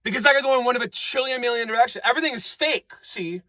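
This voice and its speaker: A man with an extremely high, sharp voice races through a rambling comic monologue, repeating phrases and toying with invented words. The recording is dry, with no echo.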